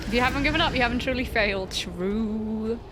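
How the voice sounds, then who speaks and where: Her voice sits on the high side and moves fairly quickly over a noisy background. She's a young woman on a gaming live stream, casually chatting with viewers, responding to their messages, and cracking frustrated, self-deprecating jokes about her failures.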